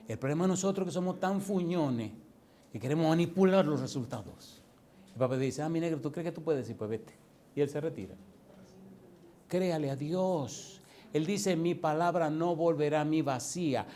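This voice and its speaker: A man preaching, his voice sitting a little high. He tells a story, acting out the dialogue with plenty of laughter. Faint noise hums behind him. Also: dark tone. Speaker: pastor. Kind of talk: sermon with storytelling.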